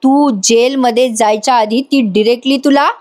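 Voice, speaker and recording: A young husband delivers firm warnings, read by a woman in her own voice. The pitch stays fairly high, with no real change from her natural voice. The tone is flat and steady. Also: moderate pace, natural voice. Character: young husband threatening a schemer.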